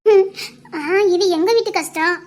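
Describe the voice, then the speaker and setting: A woman playing a shy, poor young village girl in love, speaking softly with a southern Tamil Nadu accent. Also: very high voice, measured pace. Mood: tender. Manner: soft, bashful, pleading. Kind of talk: village romance drama acting.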